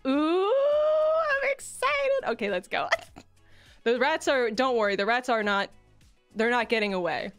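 A woman's voice: on the high side, moderate pace, pauses often, fairly bright tone. A woman streamer chatting casually on a livestream in a playful, giggly, self-deprecating way. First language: English. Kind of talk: casual livestream chat, debut introduction. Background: background music.

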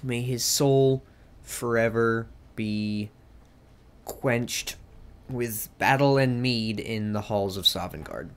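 A man's voice: medium pitch, slow, clean tone. A young man hosting a let's play, giving casual, joking gameplay commentary full of slang. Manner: joking, slangy, talks to himself.

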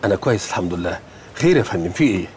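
Jovial Egyptian company owner, low voice, lively and quick, music bed. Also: male voice, a little hiss or hum. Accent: Egyptian Arabic. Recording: TV soundtrack with music underneath.

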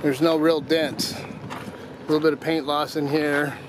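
Speaking at a measured pace in a fairly high, level voice, an older auctioneer shows off a vehicle for sale in a relaxed, plainspoken walkaround full of fillers and restarts. He's filmed on a handheld phone in a gravel lot outdoors and inside a pickup cab, with noisy sound.

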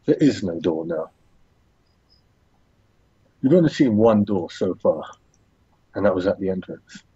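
Low, husky man running a tabletop game. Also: unhurried, no room sound. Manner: relaxed, thinking aloud with fillers. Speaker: game master. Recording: dull lo-fi recording.

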